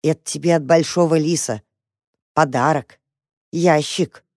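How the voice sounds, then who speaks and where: A woman's voice: sits low, unhurried, darkish tone, no echo, studio quality. A woman voicing a gloomy, cautious young mouse who grumbles. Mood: grumbling.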